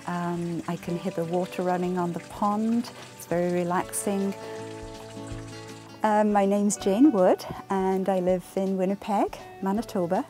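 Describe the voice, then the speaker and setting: A woman in her sixties with an English accent, a fibre artist speaking reflectively in a documentary interview, pausing often with ums. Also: medium pitch, fairly even intonation. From England. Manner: reflective, soft-spoken, many ums and uhs. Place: home craft room. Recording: soft music underneath.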